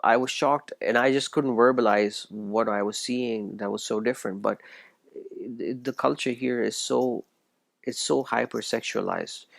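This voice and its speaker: A man's voice: fairly low pitch, vocal fry, dry recording. A man from Pakistan, giving an earnest, preachy solo commentary and often stumbling and restarting his phrases. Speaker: video essayist. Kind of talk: solo religious commentary monologue.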